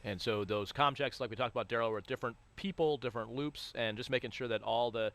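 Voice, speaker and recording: A man's voice: mid-range voice, fast, fairly bright tone. A man giving live explanatory commentary as an expert on a launch broadcast.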